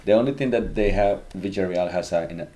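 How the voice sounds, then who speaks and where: A man with an extremely deep voice taking part in a casual podcast chat. He speaks hesitantly and keeps restarting his sentences before finding the thought. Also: quick pace, warm tone. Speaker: podcast panelist.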